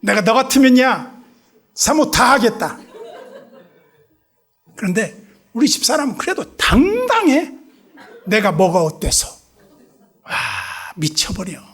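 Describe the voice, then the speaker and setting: A man preaching a revival sermon in a church, telling stories animatedly and acting out both sides of dialogues, dropping to hushed asides. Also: high voice, slightly rough. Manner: drops to hushed whispers for asides. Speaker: pastor. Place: church sanctuary.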